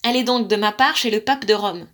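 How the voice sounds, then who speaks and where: A woman voicing a bumbling, apologetic male sorcerer in a storybook tale, speaking briskly. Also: mid-range voice, a bit bright, lightly acted.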